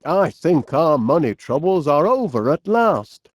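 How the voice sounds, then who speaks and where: Here the Northern English inventor from the comedy game sounds pleased, his delivery sing-song and measured. Genial, bumbling and middle-aged, he's eager but flustered and hesitant, taking his time, pitch swooping, in a very dry studio recording.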